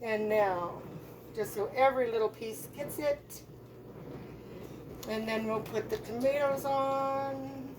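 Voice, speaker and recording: A woman hosting a home cooking video, chatting in a homey way and tasting as she goes in her kitchen. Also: on the high side. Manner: chatty, slow and homey, talking with her mouth full. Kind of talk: casual cooking demonstration. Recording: audible background noise.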